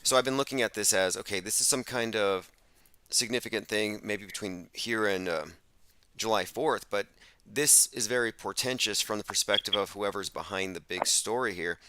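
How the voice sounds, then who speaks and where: A man's voice: lowish voice, normal speed, bright, forceful tone, clean tone, dry recording. A man hosting a casual conversation, explaining his ideas in an earnest way. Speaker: host.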